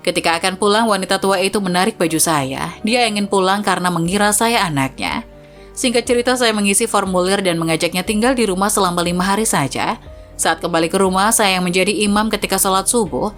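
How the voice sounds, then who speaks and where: A woman's voice: medium pitch, fairly bright tone. A woman narrating a first-person moral story in an earnest, moralizing way.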